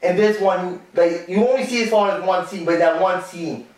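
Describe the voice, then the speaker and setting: A man's voice: high-pitched, normal speed, darkish tone. A man chatting casually about a stage show and its film, rambling with lots of fillers and restarts. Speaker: co-host discussing a musical and its film. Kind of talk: casual chat. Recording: echoey room, distant from the mic.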